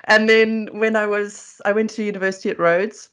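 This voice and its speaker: Speaking at a moderate pace in a flat, mid-range voice, a middle-aged South African food coach appears as a guest on a remote video interview. She's chatty and self-deprecating, telling stories conversationally and casually.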